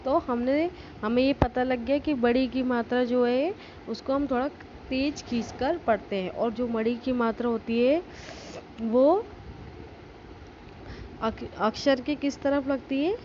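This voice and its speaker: Slow, patient woman teacher. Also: sits high. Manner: slow, patient, spelling out words sound by sound. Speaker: school teacher. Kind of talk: recorded class lesson. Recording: dull lo-fi recording with faint noise.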